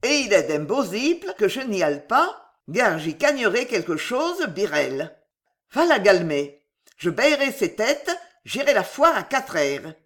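Une femme qui prête sa voix à un vieux baron crédule et amoureux, à l'accent allemand prononcé et aux consonnes écorchées. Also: female voice, medium pitch, sing-song, measured pace. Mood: fiévreux. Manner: thick German accent put on, mangled French consonants. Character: old German-accented male baron, lovesick and gullible.

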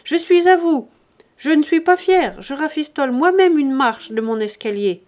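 A woman reading an audiobook, voicing a stingy old man who is a gruff master of his house and speaks loud and bossy. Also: fairly high pitch, expressive, normal speed, natural voice. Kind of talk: audiobook character voice.

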